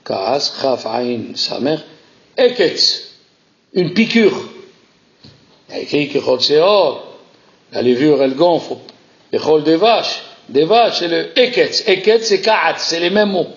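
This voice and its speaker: Animated man teaching a Torah class. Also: fairly high pitch, slow. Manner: animated, repeats key phrases, mixes Hebrew terms into French. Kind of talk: Torah lesson. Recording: muffled lo-fi recording.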